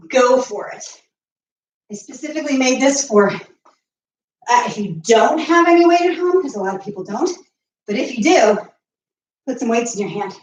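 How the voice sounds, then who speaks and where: A woman fitness coach leading a live home workout, out of breath as she exercises along and counts reps aloud. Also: a little high. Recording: echoey room, mic at a distance.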